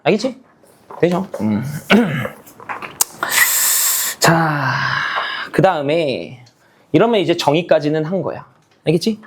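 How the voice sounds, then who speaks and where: A man's voice: on the high side, expressive, takes it slowly, long pauses, noisy background. A male math teacher giving a casual classroom lecture, checking in with students again and again with a rising "okay?" and "got it?". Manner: casual, talks down to students' level.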